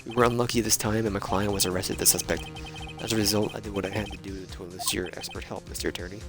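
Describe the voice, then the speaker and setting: A man voicing a polite, cold-blooded male assassin in a game, measured and courteous, with low pitch over game music. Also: fairly even intonation, close to an everyday voice. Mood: menacing calm. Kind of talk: reading game dialogue aloud.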